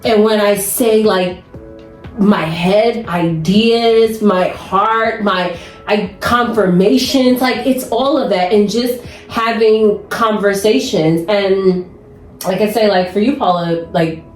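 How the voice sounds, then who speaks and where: Lively nail tech woman in chat. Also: mid-range voice, takes it slowly, reverberant, soft background music. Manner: animated storyteller, laughs often. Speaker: nail tech and podcast host. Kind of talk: casual chat.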